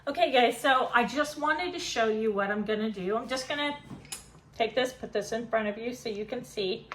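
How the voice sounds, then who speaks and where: A woman's voice: fairly high pitch, moderate pace, a bit bright, slight background noise. A woman chatting and giggling through a casual home kitchen cooking demo, a bit self-deprecating.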